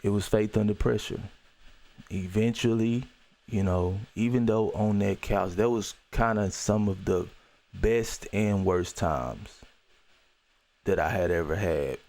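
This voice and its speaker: A man with a low voice talks through a personal story on his podcast, earnest and reflective. His speech is loose and conversational, full of "you know" and restarts. He comes back to key phrases to drive them home. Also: a little slow, gravelly, a little mellow. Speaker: podcast host.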